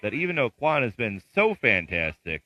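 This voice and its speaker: A man co-hosting a casual sports podcast, rambling with many pauses. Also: medium pitch, wildly swooping pitch, sharp tone. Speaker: podcast co-host.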